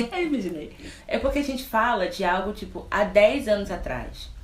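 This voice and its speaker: A woman's voice: mid-range voice, lively intonation, measured pace, reverberant, a little hiss or hum. Brazilian woman host, earnest and explanatory. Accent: Brazilian Portuguese. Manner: earnest, speaks directly to the audience. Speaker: nurse and host. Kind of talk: interview and explanatory commentary.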